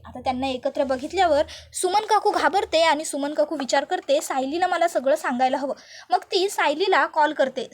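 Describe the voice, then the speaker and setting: A woman casually recapping a TV serial's story in a lively, rhythmic way, playing each character's lines herself. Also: high-pitched.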